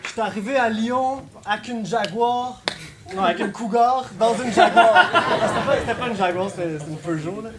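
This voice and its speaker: High-voiced Québécois battle rapper. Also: male voice, normal speed, over a noisy crowd. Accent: Québécois French. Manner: punchline-driven, taunting delivery. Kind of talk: a cappella rap battle verses. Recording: noisy live event recording.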